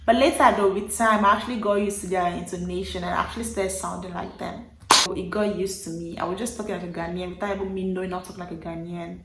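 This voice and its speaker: This vlogger, a twenty-something woman from Nigeria, shares a personal story to camera in her Nigerian accent, energetic and emphatic, doubling up words for emphasis while staying casual. Her voice is mid-range. A roomy echo and a little hiss or hum color the audio.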